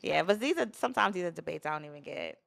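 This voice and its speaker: A woman in a casual podcast chat, explaining her points quickly and confidently. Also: sits low, lively intonation, creaky, fairly bright tone.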